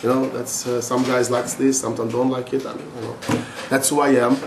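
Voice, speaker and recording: A man's voice: medium pitch, flat delivery, brisk, creaky. A middle-aged man speaking as a religious teacher in an impassioned monologue, emphatic and insistent, often repeating himself. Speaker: religious teacher answering a question. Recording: echoey room with faint noise.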